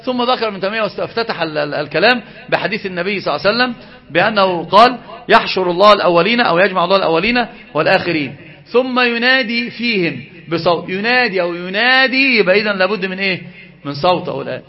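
A man giving an animated Islamic lesson, asking his listeners questions and answering them himself. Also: sits high, rapid-fire, lo-fi sound. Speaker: religious teacher.

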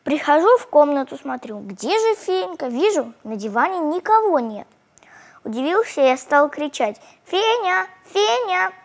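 Woman, storybook reading, high voice, lively melody, expressive first-person telling. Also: normal speed.

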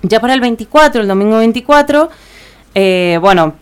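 A woman's voice: on the high side, lively intonation, normal speed, smooth. A woman with an Argentine Spanish accent, co-hosting community radio and reading out the week's events agenda, with frequent "eh" fillers and self-corrections. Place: radio studio.

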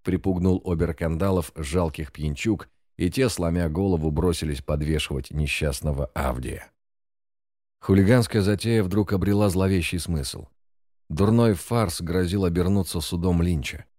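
A man narrating an audiobook in a grave, measured way. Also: low voice, a little mellow, no echo, clean studio sound.

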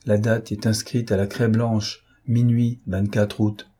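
A man voicing a proud, defiant gentleman thief in an audiobook, mocking and self-assured. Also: lowish voice, little pitch movement, measured pace, breathy edge. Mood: forceful. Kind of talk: audiobook character reading.

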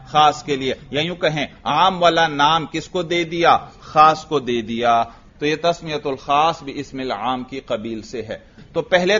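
Urdu-accented man teaching, high voice. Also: fairly bright tone, highs cut off. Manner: explains step by step with rhetorical questions. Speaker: teacher of Arabic grammar. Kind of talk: classroom lecture.

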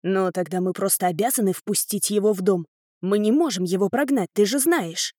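A woman voicing an earnest young man who keeps politely pleading for calm. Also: mid-range voice, normal speed, dry recording, clean studio sound, natural voice. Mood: placating. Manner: pleading, placating, overly polite. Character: earnest, fussy young man trying to keep peace.

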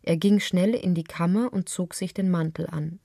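Mellow measured female narrator. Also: fairly low pitch, steady tone, gravelly, no echo, clean studio sound. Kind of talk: literary reading for radio.

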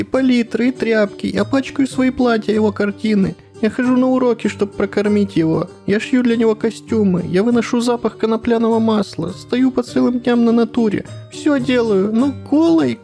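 A man's voice: extremely high pitch, moderate pace, vocal fry, few pauses, mellow, soft background music, pitched above the performer's own voice. A man voicing a hysterical young German woman, an artist's wife, who sobs and pleads. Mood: tearful pleading. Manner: sobbing, pleading.

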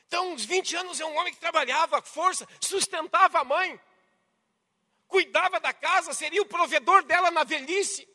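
A Brazilian Portuguese preacher with a strikingly high, bright voice delivers a dramatic sermon. He swings between forceful outbursts and hushed, intimate passages. His voice rings through a church hall with long reverb. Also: normal speed. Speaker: pastor.

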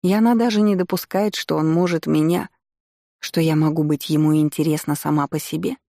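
Low mellow woman narrating an audiobook. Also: fairly even intonation, fairly quick, no room sound, clean studio sound. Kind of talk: first-person audiobook narration.

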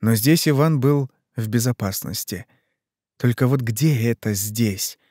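A man narrating a horror story in a steady, measured way. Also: medium pitch, no echo, studio quality. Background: faint music.

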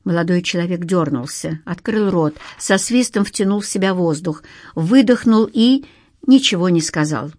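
A woman narrating an audiobook in a steady, measured storytelling voice. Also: lowish voice, dry recording. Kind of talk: scripted narration.

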